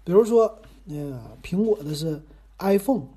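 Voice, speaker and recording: A podcast host with a Northeastern Mandarin accent talks in a loose, meandering way and pokes fun at himself. His voice is soft and dark in tone, with a slightly husky grain. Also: high-pitched, moderate pace. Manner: chatty, rambling, self-deprecating. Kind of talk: casual monologue.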